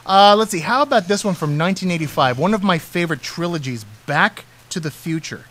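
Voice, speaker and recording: A man's voice: sits high, animated, brisk, a bit bright. Chatty man hosting movie trivia. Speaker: radio show host. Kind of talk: casual movie trivia chat.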